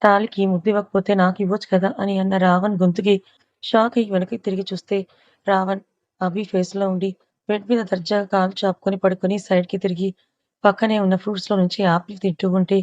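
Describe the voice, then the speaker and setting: A woman narrating a romance novel aloud in a steady storytelling manner. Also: mid-range voice, quick pace, no echo, lo-fi sound. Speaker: audiobook narrator.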